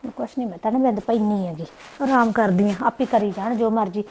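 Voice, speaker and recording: Quick, sulky Punjabi woman. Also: mid-range voice, darkish tone, a little hiss or hum. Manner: sulky, complaining, quick retorts. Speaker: young wife in a village family. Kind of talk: Punjabi short film acting.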